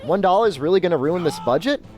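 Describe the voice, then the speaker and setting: Faint music plays behind a fast-talking game streamer who is from Mexico or of Mexican descent. His high, darkish voice has lively intonation as he casually fields questions from chat.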